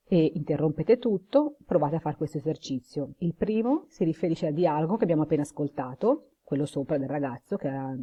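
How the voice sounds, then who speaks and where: A woman with an Italian accent teaching English in a video lesson, saying English phrases slowly and carefully and explaining them. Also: sits low, slightly rough, lo-fi sound.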